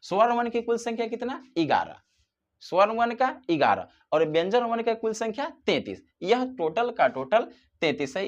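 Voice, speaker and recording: Teacher, grammar lesson, animated pitch, rhetorical questions, drawn-out example sounds. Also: dull audio. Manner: asks questions and answers them itself, drawing out example sounds. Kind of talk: classroom-style grammar lesson.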